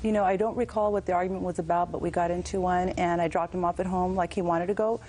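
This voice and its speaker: Lower-voiced woman giving testimony. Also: steady tone, fast talker, dark tone. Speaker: plaintiff in TV court. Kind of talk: spontaneous courtroom testimony. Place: TV courtroom. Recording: slightly noisy courtroom audio.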